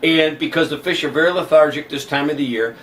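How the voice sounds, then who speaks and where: Showing lures on his fishing show, a man chats casually and walks through each step. He talks fast in a fairly high, slightly bright voice, recorded from a distance with faint noise in the background.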